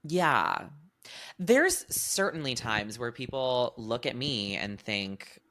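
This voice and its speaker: A young man in his twenties co-hosting a podcast, chatting casually in an animated, expressive way and laughing often. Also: mid-range voice, slow pace. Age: 20s. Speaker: podcast co-host. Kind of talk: casual chat.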